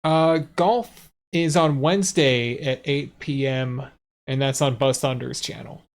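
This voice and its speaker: A man hosts a live race restream, chatting casually about the race and laughing easily. His voice is medium-pitched, steady and a little slow.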